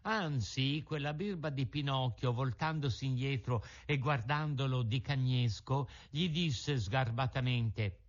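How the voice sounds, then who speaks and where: A man from Italy reading a classic children's book aloud with lively, theatrical storytelling. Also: medium pitch, measured pace, hardly any pauses. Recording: dull lo-fi recording.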